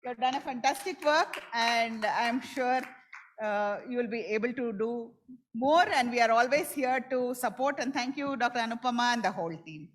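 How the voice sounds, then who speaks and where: A woman's voice: fairly high pitch, normal speed. A woman giving a formal conference speech, earnest and emphatic, repeating points for stress. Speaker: conference speaker.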